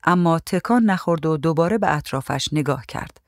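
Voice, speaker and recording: Calm woman reading a story. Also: deep voice, no room sound, studio quality. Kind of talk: storybook narration.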